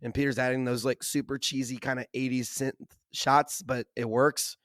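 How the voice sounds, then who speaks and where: A hoarse man with laryngitis, co-hosting a podcast in casual, enthusiastic chat full of "like" and "kinda". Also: mid-range voice, little pitch movement, moderate pace, fairly bright tone, no echo, clean studio sound. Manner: enthusiastic, uses lots of "like" and "kinda". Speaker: podcast co-host.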